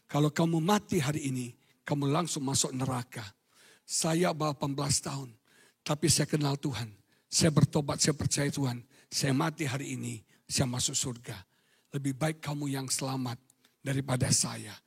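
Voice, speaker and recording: A man voicing a devout, self-sacrificing eighteen-year-old girl, speaking in a soft, earnest, husky voice. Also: mid-range voice, fairly even intonation, moderate pace, voice pushed down.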